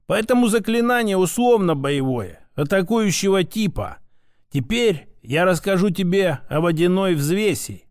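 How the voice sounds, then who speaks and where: A man voicing a stern old grandfather who calmly teaches magic in an audiobook. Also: high voice, no echo, clean studio sound. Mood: instructive. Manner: calm, instructive, measured. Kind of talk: audiobook character voice.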